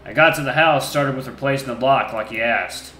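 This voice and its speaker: A man's voice: medium pitch, a little fast, sharp tone, slight background noise, lightly acted. A man voicing a crude, ill-tempered male wolf being questioned, with blunt, clipped answers full of swearing. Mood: grumbling. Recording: echoey room with faint music.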